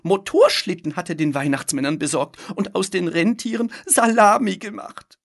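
Ein Hörbuchsprecher, der einen feurigen, theatralischen kleinen Kerl spricht, schrill und spöttisch, mit einem gesungenen Falsett. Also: male voice, normal speed, creaky. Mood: indignant. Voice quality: shrill, singsong. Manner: indignant, mocking, sings and drawls in a falsetto. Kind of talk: audiobook character voice.

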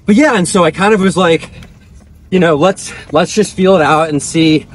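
A man in his twenties chatting casually in breathy short phrases as he runs outdoors while being interviewed. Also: high-pitched, normal speed. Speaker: professional distance runner being interviewed. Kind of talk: casual chat while running. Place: outdoors on a dirt country road, on the move.

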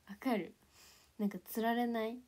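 Slow, playful young woman on a livestream. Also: a little high, fairly even intonation, husky. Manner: slow and playful, giggly, drifting into soft whispers. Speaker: idol livestreamer. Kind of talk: casual livestream chat.

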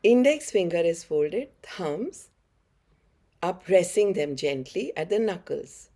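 A woman's voice: on the low side, animated, takes it slowly, mellow. A middle-aged woman with a North Indian accent teaching a yoga class in short, encouraging instructions. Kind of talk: guided online class instruction. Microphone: facing camera, head-and-shoulders webcam framing.

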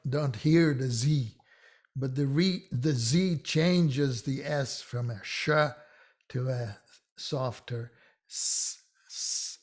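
An older man from Hungary talks through a casual lesson in a slow, unhurried way, his voice sitting a little high for a man. He is chatty, with small laughs and "uh"s, and he slows right down to spell things out. He is recorded in a home office on a boom mic. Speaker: psychology professor. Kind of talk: casual pronunciation lesson to camera. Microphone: boom shotgun mic beside him.

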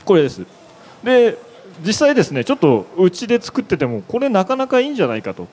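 A man's voice: high-pitched, wildly swooping pitch, quick pace, a little mellow, breathy edge. A man presenting a web demo on an exhibition stage into a handheld mic, explaining step by step with many filler words. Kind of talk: conference presentation.

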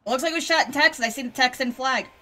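Bright, cute anime-streamer woman reacting casually. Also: sits high, quick pace, faint music behind. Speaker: VTuber streamer reacting to a video.

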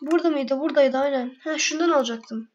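A woman's voice: high-pitched, quick pace, darkish tone, muffled recording. A woman giving casual gameplay commentary, chatting to herself and her viewers with sudden exasperated outbursts, in a noisy home recording. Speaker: gaming video creator.

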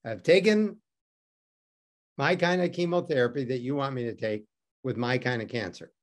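A man's voice: mid-range voice, moderate pace. A man from Detroit telling a personal story as an interview guest, wry and self-mocking, acting out the other people in it. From Detroit, United States. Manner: animated, wry and self-mocking, acts out voices in his story.

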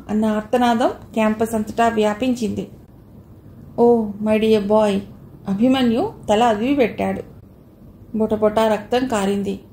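A woman's voice: on the high side, warm tone, echoey room, slight background noise. A woman reading a novel aloud as an audiobook narrator, with light changes of voice for each character's dialogue.

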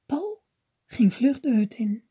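A woman reading a children's fairy tale aloud gently, often dropping to a whisper. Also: a little high, big pitch swings, slow, breathy edge. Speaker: storybook reader.

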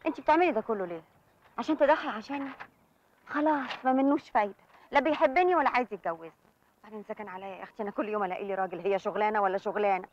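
A woman's voice: medium pitch, very fast, slight background noise, natural voice. An actress with an Egyptian accent playing a blunt young woman who teases and confronts her friend. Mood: frank. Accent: Egyptian Arabic. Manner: blunt, teasing. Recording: slightly muffled film soundtrack.

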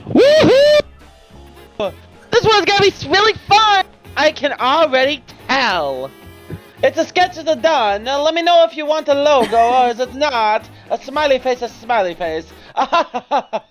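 A woman voicing an excitable young woman artist in a fan voice-over of chat messages, giggly and gushing. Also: high voice, measured pace, soft background music. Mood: excited. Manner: giggly, gushing, bursts into squeals.

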